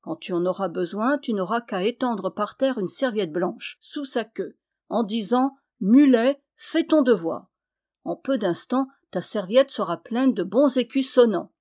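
A woman reading aloud, voicing a male storm spirit, gruff and hungry at first and then good-natured and gentle. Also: medium pitch, animated, a little slow.

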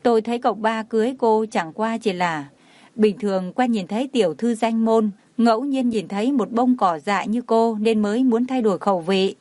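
A woman's voice: on the high side, normal speed, darkish tone, no room sound, lightly acted. A woman reading the lines of a spiteful, mocking young rich woman in a story. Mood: taunting. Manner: taunting, scornful.

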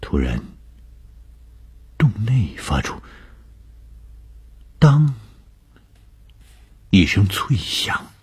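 A man telling a suspense story for radio, slow and measured, often dropping to a hushed whisper. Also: sing-song. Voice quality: very deep, husky.

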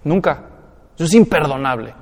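A man, a Mexican pastor with a Mexican Spanish accent, preaching an expository sermon and acting out everyday examples in an animated way. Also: normal speed, in a large hall. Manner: animated, acts out everyday examples with rising pitch.

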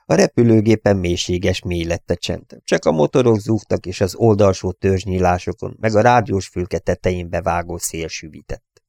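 A man with a low, gravelly voice reads a novel aloud at a calm, even pace. The recording is close and dry, with no room sound. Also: dry recording. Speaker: audiobook reader. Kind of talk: audiobook narration.

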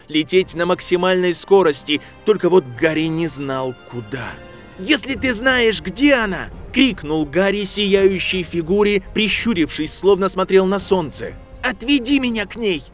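A man reading a fantasy audiobook in a steady, measured storytelling manner. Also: a little high. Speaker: audiobook reader. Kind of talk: scripted audiobook narration.

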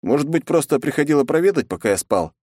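A man voicing a calm, teasing young male hero in an audiobook, with a wry delivery. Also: a little high, fast, no echo, studio quality, pitched above the performer's own voice. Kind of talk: audiobook dialogue.

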